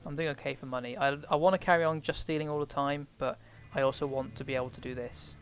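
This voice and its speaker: A man's voice: mid-range voice, steady tone, quick pace, soft background music. Man rambling over a strategy game. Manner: rambling, thinks aloud while playing. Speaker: game streamer. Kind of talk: let's play commentary.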